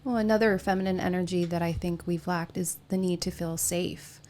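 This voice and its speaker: A woman in a casual group discussion, speaking in a calm, steady, affirming way. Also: fairly low pitch, fairly quick, slight background noise.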